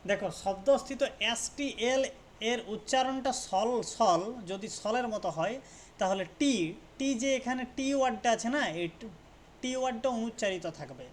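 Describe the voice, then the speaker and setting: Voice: mid-range voice, animated, slight background noise. A teacher giving an English pronunciation lesson, repeating words and asking "right?" after nearly every point, sometimes stopping to correct a slip. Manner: repetitive, checks understanding with frequent questions; self-correcting, pauses to fix mistakes. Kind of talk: classroom lesson explaining spelling rules.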